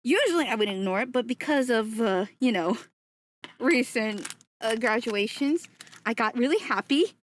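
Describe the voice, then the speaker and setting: A young woman streaming casually, excitable, often gasping and laughing, and swearing freely. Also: a little high, normal speed.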